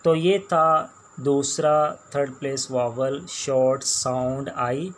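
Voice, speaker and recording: A man with a Pakistani accent teaching a shorthand class, explaining each sound slowly and repeating words as he writes them out. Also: medium pitch, steady tone, a bit bright. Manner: slow, patient, repeats each sound and word. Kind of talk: classroom lecture while writing on a board.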